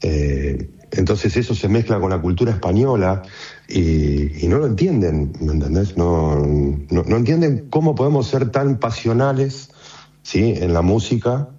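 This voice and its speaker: An Argentine man speaking in a relaxed, conversational way in a radio interview, with frequent fillers. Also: low-pitched, measured pace, highs cut off. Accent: Argentine Spanish.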